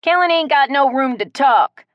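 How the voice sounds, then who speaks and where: A woman's voice: high voice, lively intonation, moderate pace, no room sound, lo-fi sound, voice pushed up. A woman voicing a folksy, plain-spoken man who teases his friends. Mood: teasing.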